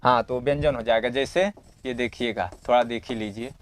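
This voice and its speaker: Speaking fairly quickly with fairly even intonation, this medium-pitched man teaches Sanskrit from a model exam paper over slight background noise. He reads lines aloud, explains them in simple Hindi, and poses questions he answers himself. His manner is warm and encouraging, full of everyday comparisons.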